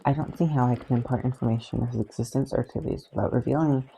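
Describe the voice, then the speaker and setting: A podfic reader voicing Batman, a stern grim male vigilante who speaks in a low, clipped deadpan. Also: very fast, gravelly, a little hiss or hum, lightly acted, low-quality recording.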